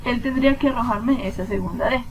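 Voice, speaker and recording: A woman's voice: on the high side, brisk, over loud music, poor audio. A woman teacher giving a screen-recorded spreadsheet lesson. She asks and answers her own questions and counts positions aloud step by step.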